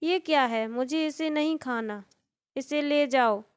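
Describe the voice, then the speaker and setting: A woman's voice: sits high, measured pace. Woman voicing a nagging old mother-in-law. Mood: scolding. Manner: scolding, complaining.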